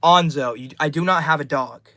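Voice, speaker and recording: A man's voice: a little high, moderate pace, bright, forceful tone, no room sound. A twenty-year-old man live streaming, reading out chat names and answering each message in a friendly, upbeat way. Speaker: livestreamer.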